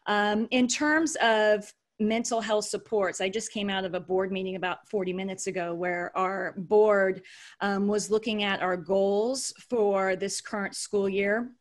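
A woman's voice: medium pitch, fairly even intonation, a little slow. Woman, school principal, friendly and organized, video call panelist.

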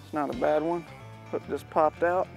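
A man in his thirties, hosting a fishing show, talks casually while fishing from a boat on a pond, easygoing and now and then excited. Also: on the high side, moderate pace, vocal fry, soft background music. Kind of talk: casual on-the-water fishing instruction.

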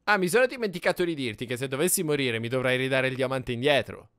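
A man's voice: medium pitch, quick pace, fairly bright tone, clean tone. A young man hosting a game challenge, teasing and mock-formal, laughing often. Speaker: challenge host. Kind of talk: playful gaming banter.

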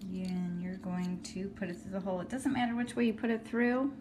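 A woman walks viewers through a hands-on craft project in an easygoing, practical way. Her voice sits at an ordinary middle pitch. A phone camera above her table records her, with a clear hiss of background noise. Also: brisk. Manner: friendly and practical, talking while working with her hands. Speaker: craft tutorial host. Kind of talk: casual step-by-step craft tutorial. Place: indoors at a table. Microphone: phone camera filming hands from above.

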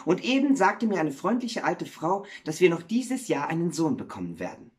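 A man's voice: a little high, very animated, moderate pace, voice pushed up. A man voicing the miller's wife in a told fairy tale, speaking in a raised, earnest tone. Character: miller's wife, warm-hearted woman.

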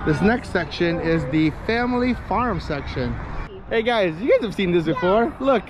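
A man's voice: high voice, expressive, moderate pace, a crowd in the background. A middle-aged man narrating a casual walking-tour vlog with a camera held at arm's length, chatty and upbeat as he walks. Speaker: family vlogger. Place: outdoors at a zoo. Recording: outdoor noise.

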